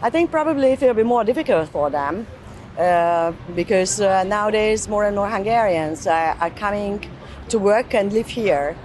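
A woman's voice: mid-range voice, animated, moderate pace, darkish tone, soft background music. A woman in her fifties answering a street interview outdoors, hesitant and full of fillers. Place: outdoors on a city square.

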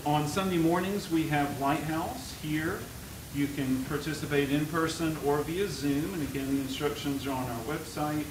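A man leads a church service, walking the congregation through announcements and songs in plain, explanatory words. His voice sits a little high and comes from across a reverberant sanctuary. There is steady noise under it. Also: normal speed. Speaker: worship leader. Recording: echoey sanctuary, far mic, noisy.

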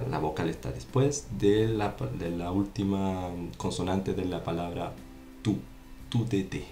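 Deep-voiced man teaching French, roomy echo. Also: dark tone. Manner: explains with repeated examples and checks "¿entiendes?". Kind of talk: casual online language lesson. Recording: roomy echo with faint music.

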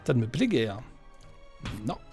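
A man's voice: mid-range voice, big pitch swings, measured pace, over music. A man hosting a let's play, joking with the characters and reading game text aloud. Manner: joking, chatty, talks to the characters on screen.

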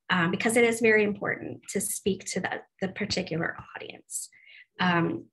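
A woman's voice: medium pitch, fairly bright tone, low-quality recording. A woman in her forties giving a staff training on a video call, talking casually with many ums and restarts. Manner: chatty, frequent ums and restarts. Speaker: web development presenter. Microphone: video call laptop mic.

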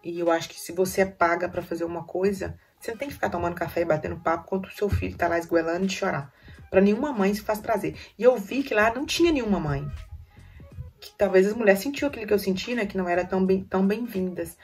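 A woman's voice: medium pitch, fast, slightly rough, recorded from a distance, faint music behind. A young mother, emotionally retelling her story in a casual vlog and acting out what people said to her. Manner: emotional, lively retelling that acts out quoted dialogue. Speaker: vlogger, first-time mother.

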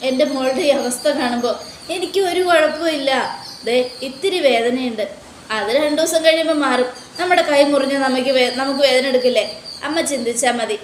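A woman's voice: high voice, brisk, roomy sound, a little hiss or hum, close to an everyday voice. A woman voicing a fretful middle-aged mother, lamenting and protective of her daughter. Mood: grieving.

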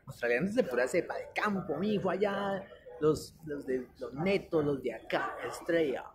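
A man's voice: a little high, lively intonation, normal speed, noisy background. A man vlogging while waiting for a flight, teasing his viewers with a mock pronunciation lesson in a playful, repetitive, mock-formal way. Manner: jokey, repetitive, mock-formal addressing "señoras y señores". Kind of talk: playful travel vlog, mock language lesson. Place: waiting area while travelling, ambient noise.

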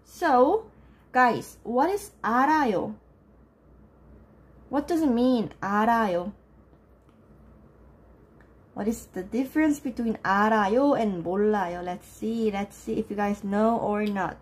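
A young Korean language teacher hosts a live-streamed lesson from her desk, her normally slightly high voice rough and lower because she has just woken up. She chats with viewers at normal speed with long pauses, greeting them by name and laughing easily.

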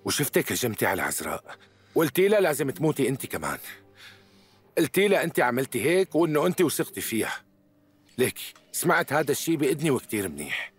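Stern male cop, husky voice, lively intonation, quick delivery. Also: medium pitch. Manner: presses hard with blunt questions. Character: stern male police officer questioning a suspect. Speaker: dubbing actor. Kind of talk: Arabic dub of a TV drama.

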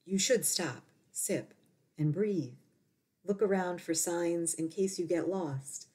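A poet reads her poetry very slowly in a slightly low, dark-toned voice. She measures out short, deliberate phrases with space between them.

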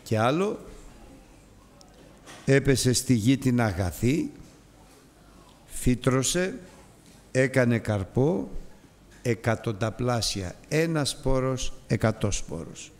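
A man's voice: mid-range voice, animated, pauses often, long reverb tail. A man preaching a sermon with an impassioned, emphatic delivery that rises and repeats its phrases.

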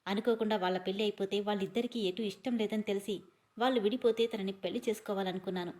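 A woman's voice: mid-range voice, a little mellow, natural voice. Storybook: a female narrator playing a spoiled, short-fused young woman, snappish. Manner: snappish and sulky.

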